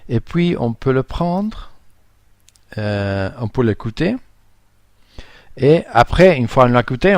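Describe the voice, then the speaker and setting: A man speaking French as a non-native with a foreign accent, giving an informal screen-share tutorial, halting and searching for words. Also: on the low side, dry recording, studio quality. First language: not French. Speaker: tutorial presenter.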